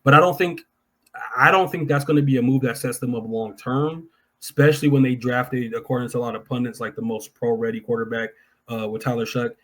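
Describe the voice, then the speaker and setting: A man with an average-pitched voice co-hosts a sports podcast. He gives his analysis informally, in an opinionated, chatty way. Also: steady tone, brisk. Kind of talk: casual sports analysis chat.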